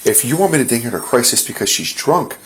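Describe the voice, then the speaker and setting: A man's voice: mid-range voice, animated, fast. A male police officer questioning a woman inside a home, firm and insistent, steering her back to the point. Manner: firm, insistent, keeps redirecting.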